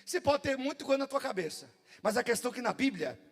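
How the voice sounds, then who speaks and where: Fervent high-voiced Brazilian preacher. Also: male voice, very animated, fast. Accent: Brazilian Portuguese. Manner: fervent, often shouting and chanting phrases. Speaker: pastor. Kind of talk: pentecostal sermon. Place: church service.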